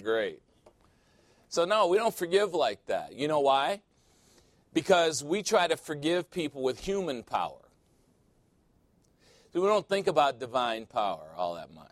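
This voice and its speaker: A man's voice: medium pitch, a bit bright, no room sound. A male pastor preaching a sermon in a church, joking and conversational with sudden emphatic swings.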